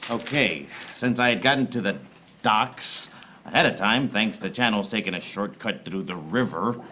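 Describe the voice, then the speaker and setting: Recorded live on a theater stage before an audience, a man plays a hapless private eye narrating his case in a film noir radio parody. His voice sits on the low side, bright and forceful, with lively intonation at normal speed and a little hiss or hum. The mood is wry and tense, his wisecracks self-aware.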